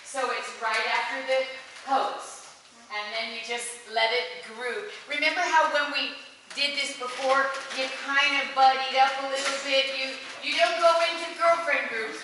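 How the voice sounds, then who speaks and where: Echoey, far-off woman coaching a choir. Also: sits high. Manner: encouraging, repeats herself, stumbles over words. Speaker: choir director. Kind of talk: coaching a women's chorus rehearsal. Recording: echoey hall, voice from far off, noisy.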